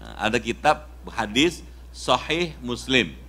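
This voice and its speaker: In a mosque, a middle-aged Indonesian man preaches a casual sermon, telling a story with lively quoted voices. He speaks slowly in a mid-range voice with vocal fry.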